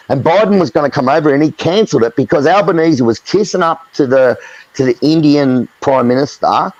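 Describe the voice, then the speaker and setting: A man's voice: on the high side, a little mellow, no room sound, muffled recording. An Australian man in a heated live chat, ranting angrily with lots of swearing. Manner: angry, profane, ranting.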